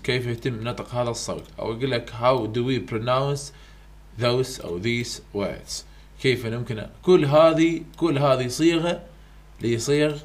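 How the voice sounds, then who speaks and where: A man with an Iraqi Arabic accent, a university English tutor going through exam question types in a casual, repetitive way, dropping English terms into his talk. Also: medium pitch. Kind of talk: exam-prep lesson.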